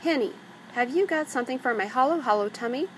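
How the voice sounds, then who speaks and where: A woman's voice: sits high, animated, fast, voice pushed up. A woman voicing a hungry, demanding little male gnome in a children's storybook read-aloud, with a bullying manner. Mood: hungry, wheedling. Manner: shouting, demanding. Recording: clearly noisy background.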